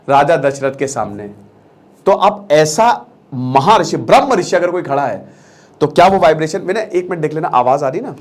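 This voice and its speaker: A man retelling a scripture story live and drawing lessons from it, in an animated way that speaks straight to the listeners. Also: on the high side. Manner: animated, addresses listeners directly. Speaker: storyteller and teacher.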